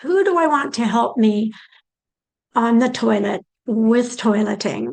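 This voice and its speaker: Older woman presenter, a touch high-pitched, methodical, thinks out loud in questions. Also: lively intonation, a little slow, gravelly, low-quality recording. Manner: poses questions aloud, walking through each step. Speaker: presenter on aging and care planning. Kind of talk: explanatory talk.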